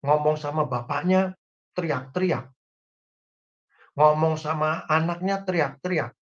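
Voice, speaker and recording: Male pastor delivering a sermon, slightly high voice, folksy asides, recorded on muffled lo-fi audio. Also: a little slow. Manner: addresses congregation directly, folksy humorous examples. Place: church online service.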